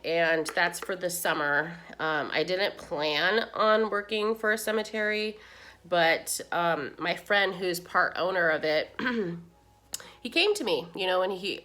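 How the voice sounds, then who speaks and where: A woman's voice: lowish voice, sharp tone. A middle-aged woman vlogger chatting casually while doing her makeup, rambling with many fillers, crying as she talks. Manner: rambling, many "you know"s, tearful and heartfelt.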